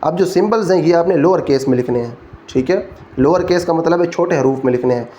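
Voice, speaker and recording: A man's voice: fairly high pitch, quick pace, warm tone, lo-fi sound, a little hiss or hum. A man with a Pakistani Urdu accent giving a physics lecture, explaining each rule step by step and checking in with his students. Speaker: physics teacher. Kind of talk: classroom lecture.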